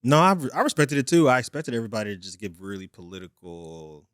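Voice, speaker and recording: Laid-back low-voiced man. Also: big pitch swings, a bit bright, smooth, dry recording, studio quality. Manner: laid-back, drawn-out musing with fillers. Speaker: podcast co-host. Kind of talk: casual conversation.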